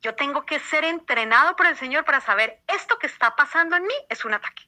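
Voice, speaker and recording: A woman preaches to her congregation in a high, piercingly bright voice. She hammers her points home by repeating them and keeps asking the listeners questions. Her sermon style is earnest and insistent. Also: animated, quick pace, rough recording. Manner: emphatic, repeats phrases, asks the audience questions.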